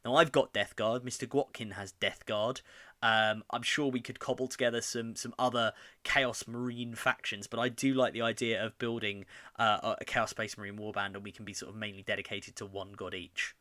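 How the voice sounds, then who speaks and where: A man chats his way through a hobby livestream in a bright, forward voice that sits a little low. He rambles and reads viewer comments aloud as he goes, like someone on a video call. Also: little pitch movement, normal speed, no room sound, studio quality. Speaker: co-host. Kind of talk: casual hobby chat livestream.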